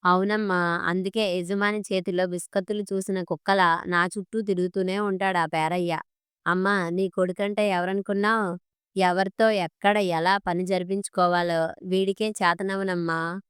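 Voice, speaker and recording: A woman voicing an eager, money-minded young adult man in a storybook reading, talking in an excited, self-satisfied way. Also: on the low side, normal speed, smooth, dry recording, studio quality, natural voice. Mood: pleased.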